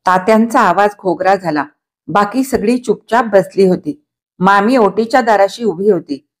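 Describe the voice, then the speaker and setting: A woman storyteller narrating a novel aloud in a steady, clear reading style. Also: medium pitch, normal speed.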